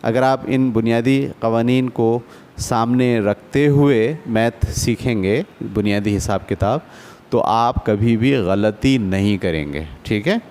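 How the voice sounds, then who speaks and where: A man's voice: medium pitch, slow pace, a little mellow. A man teaching a basic math lesson to adults, patient and often checking that the class follows. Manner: patient, asks checking questions.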